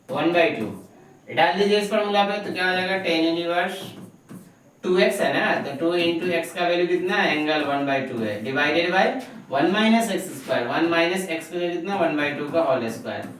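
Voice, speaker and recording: A man leads an exam-prep math lesson in a fairly high voice. He keeps quizzing his students and answering himself. The mic sits well away in a very echoey room with a faint hiss. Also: fairly bright tone, distant mic. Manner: asks himself questions and answers them, coaxing; fondly calls students "babu". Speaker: math teacher. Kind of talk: online exam-prep lecture.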